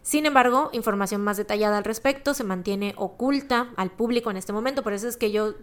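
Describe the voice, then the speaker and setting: A woman's voice: fairly high pitch, fast. Podcast co-host, woman, Mexican accent, chatty and slangy storyteller. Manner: chatty, slangy, recounting a case with asides. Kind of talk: casual true-crime podcast chat.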